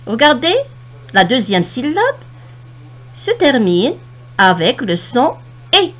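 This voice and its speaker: A woman teacher explaining French spelling rules step by step, slowly stressing each example word. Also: on the high side, big pitch swings, fairly bright tone. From Morocco. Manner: slow, deliberate explanation, stressing and stretching example words.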